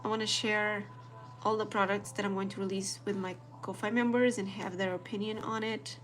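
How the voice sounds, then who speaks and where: A woman's voice: mid-range voice, fairly quick, soft background music. A young woman from Portugal with a Portuguese accent, chatting casually to viewers while she draws a planner spread. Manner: chatty, relaxed, talks to viewers while drawing. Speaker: planner artist and vlogger. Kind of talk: casual live-stream chat while journaling.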